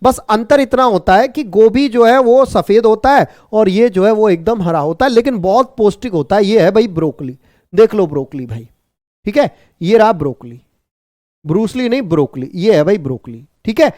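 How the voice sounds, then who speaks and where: A man teaching an online exam-prep class, brisk and repetitive, teasing and jokingly scolding his students. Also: high-pitched, expressive, darkish tone, no echo, clean studio sound.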